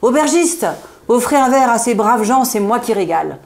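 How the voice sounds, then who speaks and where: Lady putting on a jolly chubby undertaker guy, loud salesman chatter, higher than her usual. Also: lively intonation, moderate pace. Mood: jovial. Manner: cheery, booming salesman patter.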